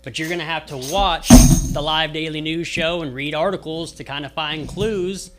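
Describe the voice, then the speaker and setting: A laid-back man talks through a casual studio chat, playful and quick to poke fun at himself. His voice sits a little higher than most men's. He sounds relaxed and easygoing. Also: soft background music. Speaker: co-host.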